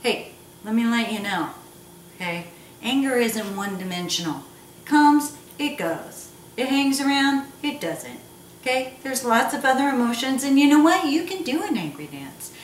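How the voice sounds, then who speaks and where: A woman's voice: on the high side, very animated, moderate pace. A woman hosting a casual cooking lesson with a jokey, playful manner and teasing asides. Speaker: cooking show host. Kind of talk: casual instructional cooking chat. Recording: echoey room, distant mic, noisy background.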